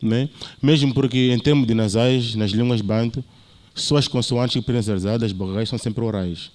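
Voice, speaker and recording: A man's voice: medium pitch, fairly even intonation, moderate pace, a little mellow. A man with a Mozambican Portuguese accent, a university lecturer giving an academic talk and explaining points with frequent tag questions.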